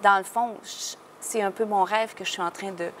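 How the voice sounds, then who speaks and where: A woman's voice: medium pitch, fairly even intonation, normal speed, slight background noise. A woman with a Québécois French accent, a singer from Quebec talking frankly and laughing easily in a casual interview. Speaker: singer guest.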